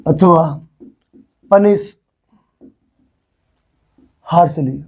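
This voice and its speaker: Mellow-voiced male vocabulary teacher. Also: on the high side, extremely slow, gravelly. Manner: explains patiently, repeats words, often asks the class if they follow. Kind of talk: classroom vocabulary lesson.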